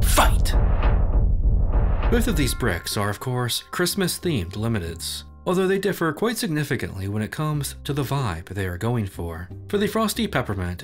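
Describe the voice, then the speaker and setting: A man reading a scripted product review in casual, slangy phrasing as a voice-over. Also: mid-range voice. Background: background music.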